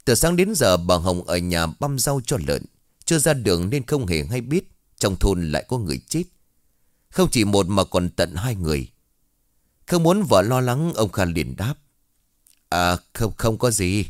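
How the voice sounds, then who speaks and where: A man narrating a ghost story in an expressive, dramatic storytelling manner. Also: fairly low pitch, normal speed, no echo. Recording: dry voice over faint music.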